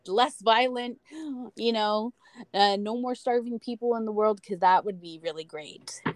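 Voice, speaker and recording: A woman's voice: mid-range voice, measured pace. An American woman co-hosting a podcast, talking in a rambling, emphatic way and swearing freely. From United States. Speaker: podcast co-host. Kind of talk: casual chat.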